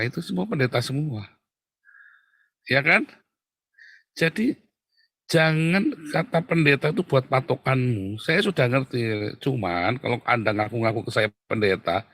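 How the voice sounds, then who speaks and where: A man preaches a lively, exclamatory sermon. His voice is gravelly and somewhat husky, sitting in a middle pitch. The sound is dry and close, with no room around it. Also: measured pace, long pauses, no echo. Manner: animated, exclamatory preaching, addresses listeners as "brothers". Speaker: preacher who counsels pastors.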